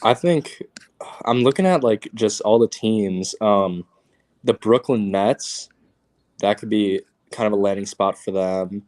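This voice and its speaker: A man's voice: lowish voice, unhurried, darkish tone. A man co-hosting a casual sports chat over a phone, talking loosely with lots of ums and likes. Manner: loose, filler-heavy, many ums and likes. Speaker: co-host.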